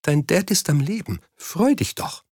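A man reading an audiobook, voicing a distraught middle-aged woman whose voice climbs high and strains into cries. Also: big pitch swings, a little fast, husky, no echo, studio quality. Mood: choked.

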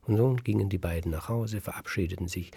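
A man telling a folk tale aloud in a lively, dramatic way, voicing the characters and dropping to a whisper at tense moments. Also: sits low, fast talker, creaky, husky, no room sound. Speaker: storyteller. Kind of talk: oral folk-tale storytelling.

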